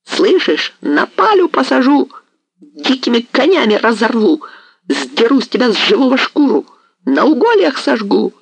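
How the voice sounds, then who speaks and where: A man voicing a furious, ruthless Cossack hetman, shouting hoarse threats in an audiobook. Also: sits high, expressive, moderate pace, few pauses, no echo, pitched above the performer's own voice, full character voice, poor audio. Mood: enraged. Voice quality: hoarse, wild, raging. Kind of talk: audiobook character reading.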